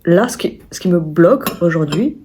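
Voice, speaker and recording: A young woman chats in a casual vlog at home indoors, her lowish voice expressive, mellow, and slightly breathy at a moderate pace. Her talk wanders, peppered with fillers and restarts.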